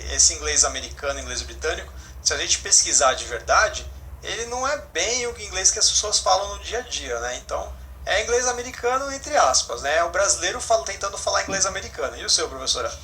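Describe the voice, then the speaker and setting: Male English teacher, fairly high and bright voice, patient explainer, faint background hiss. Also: big pitch swings, fast talker. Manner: explanatory, frequent "né?" and self-corrections. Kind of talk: online class explanation.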